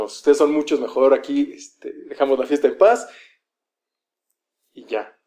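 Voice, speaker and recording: Male preacher, mellow tone, conversational sermon delivery. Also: mid-range voice. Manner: conversational, acts out quoted voices.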